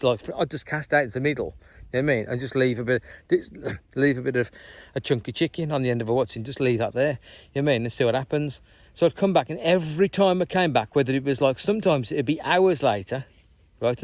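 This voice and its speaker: A chatty man talks in a loose, rambling way while walking outdoors by a reservoir, often tagging on "you know what I mean". His voice sits at a middle pitch and sounds dry and close to the mic. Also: a little mellow, dry recording. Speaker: vlogger. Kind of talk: casual walking vlog chat.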